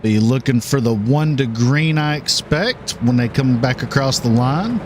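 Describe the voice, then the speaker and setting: A man calling a live race as play-by-play commentator, with an animated delivery and occasional filler pauses. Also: medium pitch, slight background noise.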